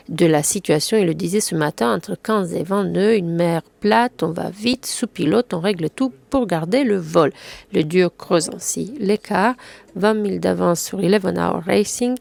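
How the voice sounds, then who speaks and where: A woman with a French accent hosting a casual sailing news roundup, talking fast with many fillers and restarts. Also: medium pitch, gravelly, a little mellow, dry recording. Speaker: sailing news video host.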